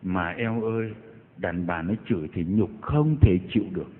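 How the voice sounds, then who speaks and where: Priest telling stories with mocking asides. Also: male voice, low voice, animated, normal speed. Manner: storytelling with mocking exclamations. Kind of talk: sermon. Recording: echoey hall over tinny broadcast line.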